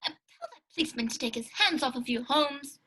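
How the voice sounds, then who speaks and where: A woman's voice: high voice, animated, brisk, pushed and bright. A woman playing a genial old English doctor who tells a mystery tale in an earnest, old-fashioned 1940s radio style. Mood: alarmed.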